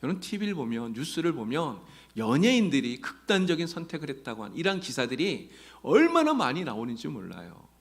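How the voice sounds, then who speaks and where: Gravelly, animated Korean pastor preaching. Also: male voice, fairly high pitch, a little fast, hardly any pauses. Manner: emphatic preaching, rising loud in quoted prayers; addresses the congregation directly with questions. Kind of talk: sermon.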